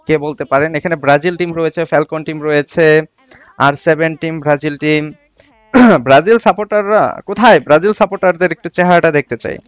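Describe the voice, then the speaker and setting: A man's voice: on the high side, a little fast, dry recording. A man hosting a casual livestream, reading viewer comments aloud and quizzing them. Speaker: livestream host. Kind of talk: casual live-stream chat with viewers.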